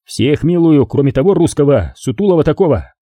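A man voicing a gruff middle-aged male partisan commander who grumbles and gives orders in an audiobook. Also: fairly high pitch, lively intonation, fairly quick, dark tone, dry recording, studio quality. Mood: gruff commanding.

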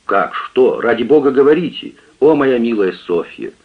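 Guy playing a frantic young gentleman, pleading, husky, tinny radio sound. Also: medium pitch, expressive, normal speed. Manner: urgent, pleading. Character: agitated young gentleman in love.

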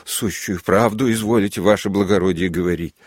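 A man's voice: sits low, a little fast, dry recording, studio quality. A man voicing a frightened convict who begs for mercy in a servile, imploring way. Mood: pleading. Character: pleading frightened young male convict.

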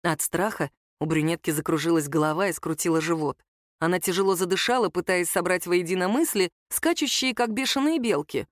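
A woman narrating an audiobook in an expressive storytelling manner. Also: fairly low pitch, brisk, dry recording, clean studio sound. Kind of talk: scripted narration.

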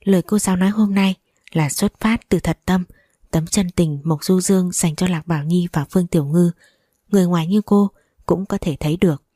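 A woman's voice: fairly low pitch, a little fast, warm tone, breathy edge, dry recording, studio quality. A woman narrating a novel as an audiobook, reading steadily and evenly.

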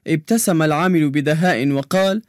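A playful young male joke-teller from a children's radio drama, voiced by a man. His voice sits high and the sound is close and dry, without room echo. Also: a little fast, natural voice. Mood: cheerful. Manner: cheerful, playful storyteller. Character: cheerful joke-telling young male quiz contestant. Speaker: radio show character who answers quizzes and tells jokes.

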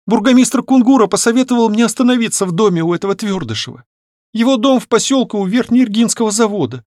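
A man reading an audiobook, voicing a frightened, tearful young noblewoman in a high pleading voice. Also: animated, fast talker, darkish tone, no echo, studio quality. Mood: ashamed. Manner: high pleading voice, near tears.

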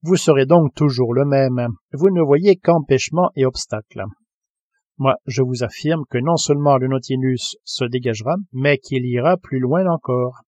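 A proud, commanding sea captain with a dry, ironic calm, as a man reading an audiobook puts him on. The voice sits low and mellow, and the sound is close and dry with no room around it. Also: normal speed, no room sound, lo-fi sound, natural voice.

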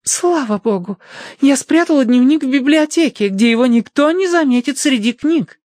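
Man reading as spoiled excitable young girl, squealing high, storybook. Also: normal speed, dry recording, studio quality. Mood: excited, shrill.

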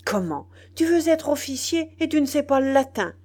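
A woman putting on a sly bossy army general from an old novel, loud and scolding, shouting his orders down at a soldier. the voice climbs high when he gets angry. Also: big pitch swings, a little slow. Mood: furious. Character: imperious, crafty rebel general, angry and mocking.

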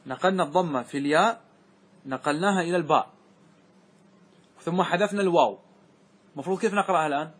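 A man teaching Arabic grammar as a sheikh, walking his class through word forms step by step and asking often whether it is clear. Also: on the high side, a bit bright. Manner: keeps checking that students follow, asking if it is clear; slows and repeats words to stress their forms.

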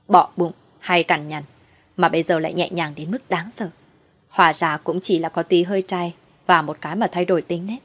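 Woman narrator, dramatic storytelling, low-pitched, first-person audio story. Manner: dramatic, voices the husband as narrator.

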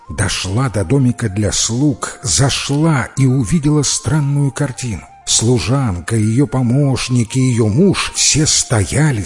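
A man narrating a fairy tale in an expressive storytelling manner. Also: medium pitch. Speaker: reader.

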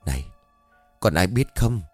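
A man's voice: low voice, lively intonation, a little slow, darkish tone, no echo, faint music behind. A man voicing a stern middle-aged mother who scolds her daughter bluntly and sharply.

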